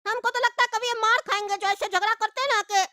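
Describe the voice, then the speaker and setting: A woman's voice: extremely high pitch, fairly even intonation, fast talker, sharp tone. A woman voicing a cheeky, greedy young child who chatters to the viewers. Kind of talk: cartoon voice acting.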